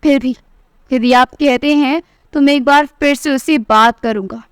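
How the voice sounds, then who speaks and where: A woman voicing a stern, disappointed father who speaks in a measured, reproachful way. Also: high-pitched, no echo, clean studio sound, lightly acted. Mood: calm.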